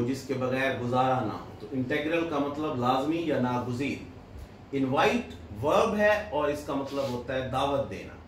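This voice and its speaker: Male English teacher, very slow and deliberate, repeats his phrases, heard in an echoey room from a distance. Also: a little high, slight background noise. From Pakistan. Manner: deliberate, repeats each phrase and stresses key words. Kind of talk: recorded lecture, reading and translating line by line. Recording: echoey room, voice far from the mic.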